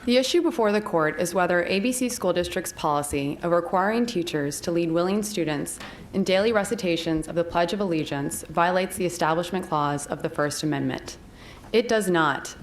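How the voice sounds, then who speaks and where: A woman's voice: fairly low pitch, a little fast, slight background noise. A young woman giving a formal, prepared oral argument as a courtroom advocate. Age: young adult.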